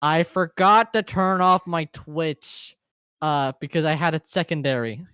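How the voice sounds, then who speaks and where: A man co-hosting a casual group podcast, joking, swearing freely and bursting into loud outbursts, from a home streaming setup. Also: fairly high pitch, a little slow, smooth, no echo. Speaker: vtuber podcast co-host.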